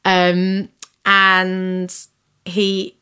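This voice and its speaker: A woman's voice: fairly low pitch, monotone, extremely slow, sharp tone, smooth. A young woman talking casually and enthusiastically, rambling with lots of fillers and laughs. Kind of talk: casual chat.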